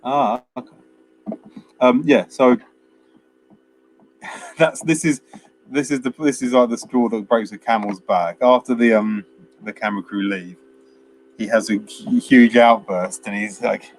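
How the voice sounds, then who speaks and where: A man's voice: mid-range voice, fairly even intonation, unhurried, pauses often, slight background noise. A man co-hosting a film review, chatting casually with lots of fillers and restarts. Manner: rambling, many fillers and restarts, acts out quotes. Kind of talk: casual chat.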